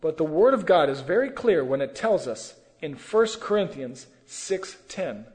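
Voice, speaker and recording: Man, sermon testimony, emotional, high animated voice. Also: unhurried, long reverb tail. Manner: earnest, emotional storytelling. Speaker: testimony preacher.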